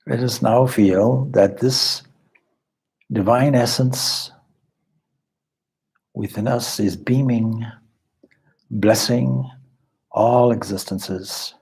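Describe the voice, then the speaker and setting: A man guides a meditation as a spiritual teacher, calm and measured with deliberate pauses, in a husky, breathy voice of medium pitch. The audio is poor.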